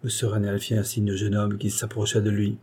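A man reading a classic novel aloud as an audiobook narrator, in a steady, measured literary delivery. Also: on the low side, breathy edge. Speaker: audiobook reader. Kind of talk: scripted narration.

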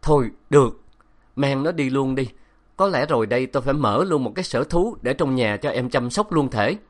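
A man voicing a gruff, bearded older male professor who scolds loudly and impatiently. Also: medium pitch, animated, brisk, pitched above the performer's own voice, lightly acted. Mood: grumbling. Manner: loud, scolding, exasperated.

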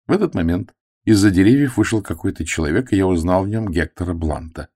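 Deep-voiced man narrating a story. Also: quick pace, slightly rough, no echo, studio quality. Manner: expressive storytelling. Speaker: audiobook narrator. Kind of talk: scripted narration.

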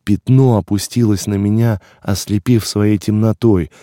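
A man reading an audiobook as scripted first-person narration, dramatic and expressive, rising to shouts in tense scenes. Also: on the low side, a little slow, dry recording, studio quality.

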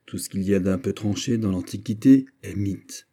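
A man's voice: fairly low pitch, warm tone, slightly rough. A man voicing a teasing, witty old-time poet. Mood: playful. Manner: quick, teasing and argumentative. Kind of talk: audiobook character voice.

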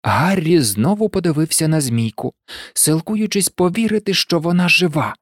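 A narrator reading an audiobook in an expressive, lively way. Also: medium pitch, normal speed, dry recording, clean studio sound.

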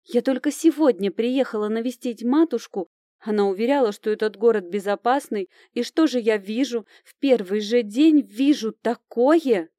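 Женщина озвучивает испуганную, но хитрую девочку-подростка, которая театрально и драматично умоляет о помощи. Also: female voice, on the high side, normal speed, dark tone, dry recording, studio quality, voice pushed up, close to an everyday voice. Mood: plaintive. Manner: dramatic, theatrical pleading. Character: frightened, scheming teenage girl heroine.

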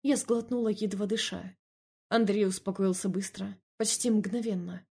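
A woman narrates a first-person novel in an even, measured tone. Her voice is mellow and slightly husky, with a middle pitch. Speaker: audiobook narrator.

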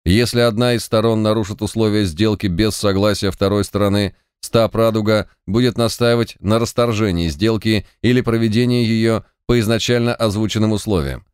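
A man's voice: medium pitch, moderate pace, no room sound, clean studio sound, voice pushed up, lightly acted. A man doing a cold, indifferent deal guarantor. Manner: flat, formal, businesslike. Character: coldly indifferent male deal guarantor in a suit.

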